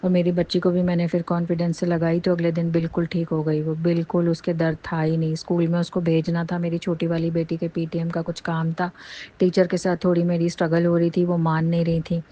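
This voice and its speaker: A middle-aged woman shares a devotional testimony in an earnest, rambling way. Her voice sits low and stays fairly even, with a mellow tone. The recording sounds dull and lo-fi. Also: fairly quick.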